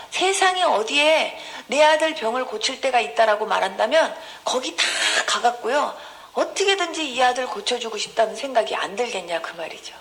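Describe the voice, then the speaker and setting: Woman pastor, sermon with testimony, earnest storytelling, slightly high-pitched voice, acted-out quotes. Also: a bit bright, poor audio. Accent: Gyeongsang Korean.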